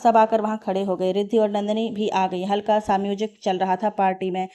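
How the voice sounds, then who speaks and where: A woman storyteller reading a family story aloud in a steady, even way. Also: mid-range voice, brisk. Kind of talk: read-aloud story narration.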